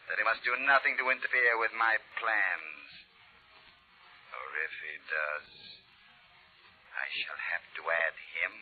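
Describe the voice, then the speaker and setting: An actor playing a menacing executed mastermind back from death for vengeance, speaking with theatrical, deliberate emphasis in an old-time radio mystery. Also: male voice, on the low side. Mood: cold threat. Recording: narrow-band vintage radio recording.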